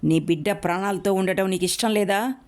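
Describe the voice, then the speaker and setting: A woman's voice: mid-range voice, brisk, darkish tone, lightly acted. A woman voicing a cruel rich man who threatens a servant, in a storybook reading. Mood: menacing. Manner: menacing, contemptuous.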